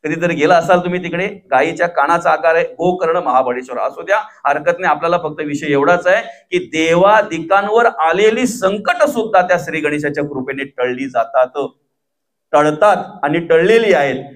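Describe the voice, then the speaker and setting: A man's voice: on the high side, moderate pace, a bit bright. A man from Maharashtra telling a devotional story as a preacher, constantly throwing rhetorical questions to his listeners. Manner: rhetorical questions to the audience, call-and-response.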